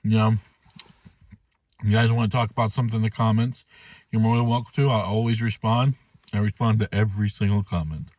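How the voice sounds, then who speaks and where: A man's voice: fairly low pitch, steady tone, brisk, long pauses, a little mellow, no echo. A man in his thirties chatting casually to camera while eating in a mukbang vlog, recorded inside a car. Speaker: food vlogger. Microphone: phone or camera at arm's length.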